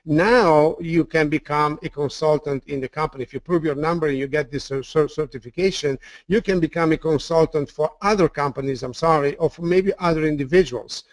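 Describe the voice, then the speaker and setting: A man's voice: on the high side, a little fast, no room sound. A man with an Italian accent giving an enthusiastic sales webinar presentation, often repeating words and using fillers.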